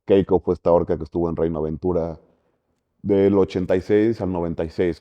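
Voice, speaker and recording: A man, an artist, explaining a piece in an interview, in an explanatory way with casual slang. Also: deep voice. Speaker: artist in a collective. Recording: dull lo-fi recording.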